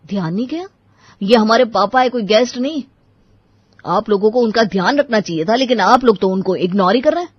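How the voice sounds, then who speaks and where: A woman voicing a hot-tempered young married man who is protective of his father and quick to raise his voice. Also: fairly low pitch, husky, no echo, dull audio. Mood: angry. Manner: indignant, raises voice.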